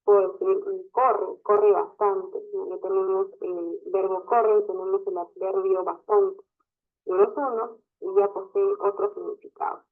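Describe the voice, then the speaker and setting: A teacher walks through a lesson step by step, tagging sentences with little questions to check the class is following. The voice sits at an ordinary middle pitch. It comes through narrow and tinny, like a phone line. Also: fairly even intonation, a little slow. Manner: explains step by step, constantly adds a questioning tag. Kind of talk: online class lecture.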